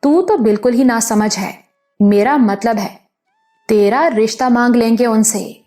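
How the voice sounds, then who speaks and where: Female narrator doing older motherly village woman, scolding but loving, mellow tone, soft music behind. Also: on the high side, natural voice. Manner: scolding yet affectionate, rustic speech. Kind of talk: audiobook character voice.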